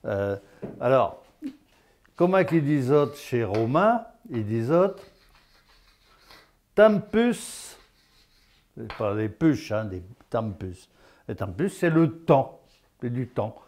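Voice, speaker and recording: A man's voice: medium pitch, very animated, slow, long pauses, darkish tone. A man giving a folksy dialect lesson. He is chatty, tags his lines with "hein?" and laughs at his own jokes. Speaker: patois teacher on local TV.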